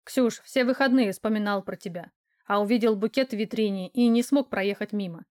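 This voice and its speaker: A woman's voice: mid-range voice, fairly quick, a little mellow, natural voice. A woman reading the lines of a confident, teasing male office boss in an audiobook. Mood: easygoing.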